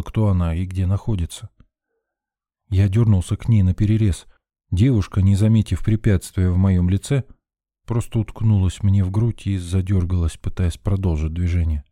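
A man's voice: low voice, warm tone, no room sound, studio quality. A man reading a first-person story in a tense, urgent narrating voice. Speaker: audiobook narrator.

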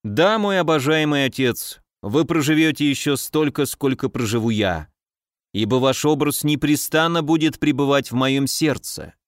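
Hypocritical young nobleman read by a man, falsely tender, measured, dry recording. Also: medium pitch, no echo, close to an everyday voice. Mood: feigned tender.

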